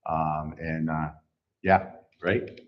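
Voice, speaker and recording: Middle-aged male host, deep voice, easygoing filler-heavy livestream talk, slightly muffled sound. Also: flat delivery, extremely slow. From United States. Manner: rambling, many fillers and restarts. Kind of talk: casual livestream chat, reading viewer comments. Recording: slightly dull livestream audio.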